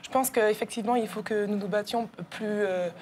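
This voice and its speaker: A woman, an athlete guest on a TV show, answering in a measured, hesitant way. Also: medium pitch, steady tone, a little mellow, a little hiss or hum.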